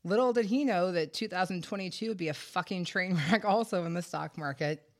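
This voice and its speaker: A woman's voice: on the low side, fairly quick. A woman hosting a true-crime podcast, telling the story conversationally with wry, sarcastic asides, congested and short of breath from a head cold. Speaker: podcast host.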